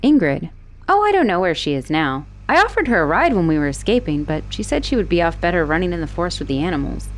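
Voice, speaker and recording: A woman voices an obsessive, manipulative young woman who has escaped an asylum, delivering a dramatic roleplay monologue directly to the listener. Her voice is fairly low and quick, with a wry, confiding mood. She teases and acts possessive, expressive throughout, swinging between sweetness and exasperation.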